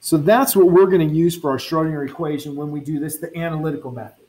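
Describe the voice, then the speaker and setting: Talking fast in a slightly high, somewhat mellow voice, a man works through equations step by step in a recorded university physics lecture. He thinks aloud, corrects himself, and throws chatty asides to his students.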